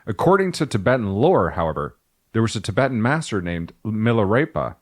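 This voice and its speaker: A man's voice: lowish voice, very animated, a little fast. A man co-hosting a podcast, reading from his notes in a casual, jokey way and breaking off for asides. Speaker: podcast co-host.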